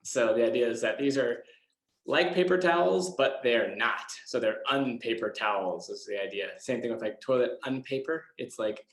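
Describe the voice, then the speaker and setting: Speaking at a moderate pace in a medium-pitched voice, a man from an eco products company fields questions from children as a guest. He comes across as casual, plain, hesitant and self-deprecating, and the room sounds echoey.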